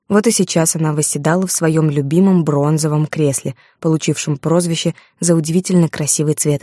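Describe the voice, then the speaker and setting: A woman reading a first-person novel aloud in an even, measured way. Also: low-pitched, breathy edge, no room sound, clean studio sound. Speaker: audiobook narrator.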